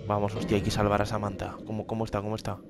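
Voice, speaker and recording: Young Spanish gamer over loud music. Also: male voice, lowish voice, monotone, racing. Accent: Spain. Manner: slangy, sweary. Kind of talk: casual let's play commentary. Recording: loud game music behind.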